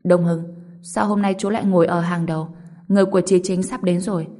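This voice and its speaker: A woman's voice: fairly low pitch, fairly even intonation, a little fast, warm tone, close to an everyday voice. A woman voicing a jovial businessman uncle. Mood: hearty. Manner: cheerful, hearty. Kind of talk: audiobook character voice.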